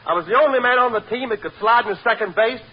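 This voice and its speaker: A man's voice: very high voice, racing, heavy background noise. A man playing a skinny, boastful ex-ballplayer who tosses off jokes in a 1940s radio comedy. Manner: breezy joke-telling guest. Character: skinny wisecracking male ex-pitcher, boastful. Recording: dull old radio recording.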